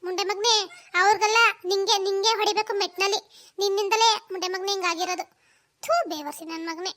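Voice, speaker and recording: A woman voicing a sharp-tongued village mother-in-law who curses and wails loudly in a cartoon. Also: extremely high pitch, flat delivery, a little fast. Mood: bossy angry. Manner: loud cursing rants, wailing complaints. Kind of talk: cartoon voice acting.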